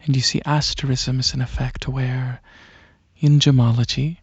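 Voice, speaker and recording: In a soft-spoken ASMR roleplay, a man plays a regal, courteous dragon alien prince, his husky, breathy voice hesitant and musing as he explains things. He speaks at a moderate pace in a mid-range, level tone, sounding soft and proud. The recording is dry, with the highs cut off.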